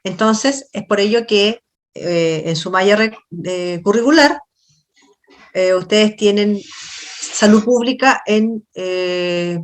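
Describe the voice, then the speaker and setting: A middle-aged woman with a Chilean accent giving a university class over a video call, chatty and questioning her students, explaining in a halting way. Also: medium pitch. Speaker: university lecturer. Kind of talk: online class lecture.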